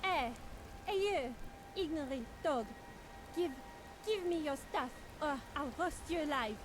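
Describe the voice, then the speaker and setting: A woman's voice: high-pitched, expressive, a little slow. A woman voicing a boastful, threatening female wizard thief with a French accent and grandiose insults in a video game. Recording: hissy audio with rain noise.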